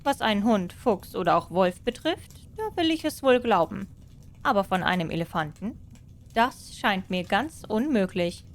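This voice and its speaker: A woman voicing a sly, clever male cat in boots in a storybook reading, by turns bold and flattering. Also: medium pitch, normal speed.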